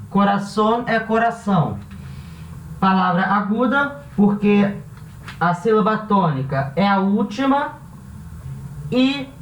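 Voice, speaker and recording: A man with a Brazilian Portuguese accent teaching a language lesson, slowly spelling out syllables and repeating each example. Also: high voice. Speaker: Spanish teacher. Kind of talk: classroom lesson at a board. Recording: roomy echo from a distant mic, faint background hum.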